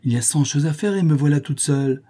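A man's voice: fairly high pitch, quick pace, dark tone, voice pushed up, lightly acted. A man voicing a fussy, worried elderly aunt in an audiobook, with anxious, exclaiming calls. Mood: fretful.

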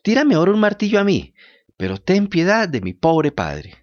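A man's voice: huge pitch swings, normal speed, lo-fi sound. A man voicing an eager wooden puppet boy who pleads and gets tearful, in a storybook reading. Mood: emotional. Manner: high, bright and pleading.

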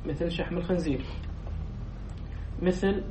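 As a sheikh teaching a class, a man reads lines from a text, explains them, quizzes his students and repeats what they answer. His voice is high-pitched at a moderate pace, picked up by a distant, dull mic in an echoey room with faint noise.

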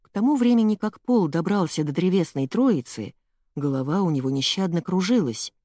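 A woman reading a children's novel aloud in measured, expressive scripted narration. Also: fairly low pitch, dry recording, studio quality. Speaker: audiobook reader.

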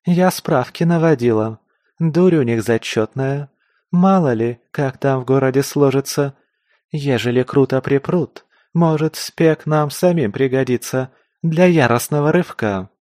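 A man's voice: mid-range voice, a little slow, darkish tone, dry recording, studio quality, pitched above the performer's own voice, close to an everyday voice. A man voicing a fierce, crude female mutant fighter who snarls threats in street slang. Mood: scheming.

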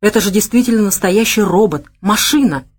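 A woman's voice: mid-range voice, animated, brisk, breathy edge, pitched above the performer's own voice. A woman reading a hearty male general. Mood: effusive. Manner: warm, effusive.

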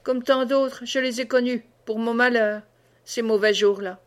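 Brief: woman reader as a grave old peasant man, plain and steady, fairly high voice, storybook reading. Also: unhurried, close to an everyday voice. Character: old peasant man, bitter about past.

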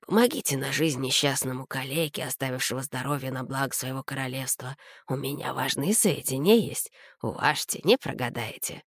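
A woman voicing a crippled male beggar who pleads for coins in a hushed, ingratiating voice. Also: very deep voice, brisk, husky, no echo, clean studio sound, heavily acted. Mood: fawning. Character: whining crippled male beggar, fawning and wheedling.

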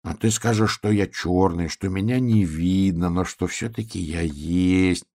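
A man voicing a naive, stubborn little piglet who talks in a quiet, wondering, plaintive way. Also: deep voice, unhurried. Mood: puzzled.

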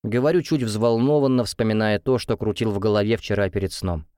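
A man's voice: lowish voice, fairly even intonation, a little fast, dark tone, no echo, clean studio sound. A young man reading a first-person story as audiobook narration.

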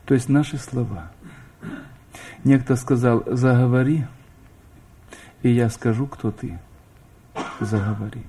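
A middle-aged man delivers a sermon to a congregation, addressing listeners directly with questions and rising emphasis. His mid-range voice is mellow, and he speaks slowly with long pauses. A little hiss or hum is audible.

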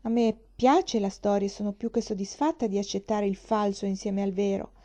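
A woman reading the part of a composed young woman who speaks calmly and gently reproves. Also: medium pitch, brisk, natural voice.

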